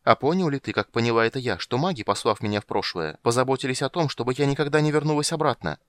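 A man voicing a proud, bitter young woman priestess in an audiobook, lifting his voice higher and speaking firmly. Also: fast talker, no echo, close to an everyday voice. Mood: bitter, challenging. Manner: raised pitch, firm and reproachful.

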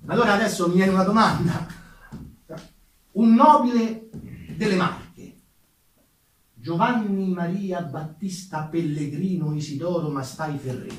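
A solo theatre performer with a Roman Italian accent narrates history theatrically for an audience, dropping in colloquial, ironic asides. His voice sits high, and the distant microphone in a very echoey room picks up a little hiss or hum.

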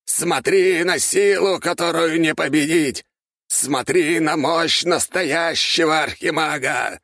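A man voicing a desperate old male archmage bent on vengeance, shouting in a strained, hoarse voice. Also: medium pitch, extremely slow, no echo, clean studio sound, voice pushed up. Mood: triumphant shouting. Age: older.

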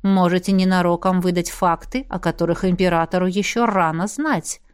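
A woman voicing a stern, dry-witted female demoness who heads a magic academy, speaking slowly and reproachfully. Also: fairly low pitch, steady tone, smooth, close to an everyday voice.

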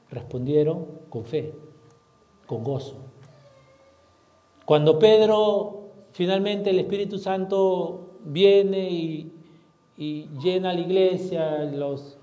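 A man pastor preaching a sermon, asking the congregation questions and swinging from loud to hushed. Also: high-pitched, roomy sound. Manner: preaching with rhetorical questions, dramatic shifts in volume.

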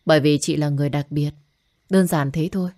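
A woman voicing a devoted, earnest young male employee who gently teases his boss in text messages. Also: low voice, fairly even intonation, brisk, close to an everyday voice.

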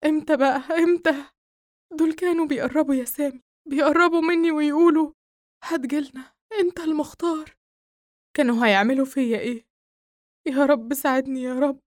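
A woman's voice: sits high, a little fast, fairly bright tone, clean tone, no room sound, studio quality, pitched above the performer's own voice. A woman with an Egyptian accent voicing a frightened young man who wakes screaming from nightmares, reading audiobook dialogue. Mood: sobbing panic. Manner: panicked screaming and sobbing after waking.

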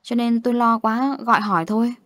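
A woman narrating an audio story in a steady storytelling voice. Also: a little high, a little fast, no room sound, clean studio sound.

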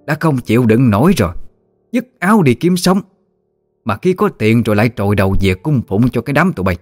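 A fierce old grandmother, voiced by a male storyteller lashes out in a harsh, accusing tirade. Her pitch swings widely as she scolds, and soft music plays under the storybook reading.

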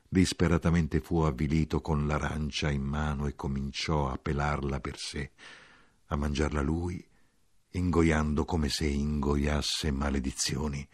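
Deep-voiced man reading a novel. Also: husky. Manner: measured, expressive reading. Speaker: audiobook reader. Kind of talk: scripted literary narration.

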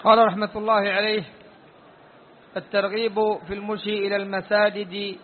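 A man reading a religious text aloud to his teacher in a quick, even way. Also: sits high. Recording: tinny distant mic with faint noise.

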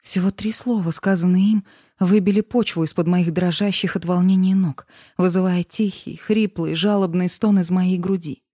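A woman's voice: fairly low pitch, steady tone, moderate pace, warm tone, no room sound, clean studio sound. A woman narrating a first-person romance audiobook with an emotional, dramatic reading.

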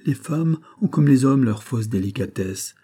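A male reader lifts his voice into a proud noblewoman who presses her case with passion and insistence. The tone stays dark and mellow under a husky edge, as in a storybook reading. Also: mid-range voice, lively intonation, unhurried. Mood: passionate. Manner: impassioned, pleading and insistent. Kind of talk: audiobook reading of a classic novel.

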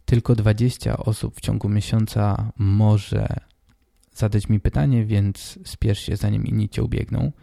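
A man in his twenties hosting a casual solo podcast, hoarse and congested with a stuffy nose, talking informally and directly to the listener. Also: fairly low pitch, little pitch movement, a little slow, dark tone, dry recording, clean studio sound. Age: 20s. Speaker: podcast host.

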